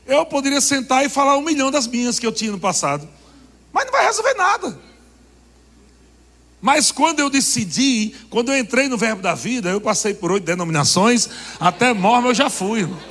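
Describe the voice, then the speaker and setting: A man's voice: extremely high pitch, animated, a little fast, fairly bright tone. A man preaching a sermon, joking and laughing with the congregation. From Brazil. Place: church hall. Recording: long reverb of a church hall.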